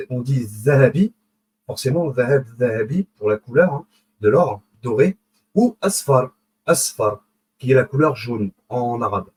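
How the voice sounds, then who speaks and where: Husky man giving a rambling lecture. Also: mid-range voice, poor audio. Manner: digressive, self-correcting, many fillers and restarts; checks in with listeners often. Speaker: online lecturer on esoteric symbolism. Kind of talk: casual live lecture.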